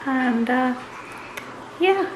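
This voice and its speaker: A young woman talks through her day at home for a vlog, her voice sitting a little high. She is matter-of-fact, counting off minutes and times. Steady background noise sits under the camera-mic recording. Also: drawn-out words, low-quality recording. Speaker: vlogger parent. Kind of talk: casual vlog narration.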